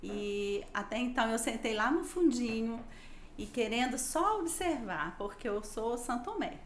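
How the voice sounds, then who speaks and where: A woman's voice: a little high, lively intonation, normal speed, roomy sound, a little hiss or hum. A woman guest telling a personal story in casual conversation, animatedly quoting her own thoughts. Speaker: podcast guest.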